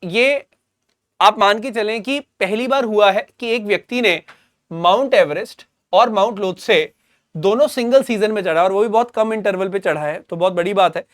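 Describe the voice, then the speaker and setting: Indian male tutor, high voice, dry close sound, recaps the points again and again for exam students. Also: normal speed, no echo. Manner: explains simply, mixes Hindi with English phrases, repeats key points; calls students "beta". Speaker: exam coaching teacher. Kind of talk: current affairs lecture.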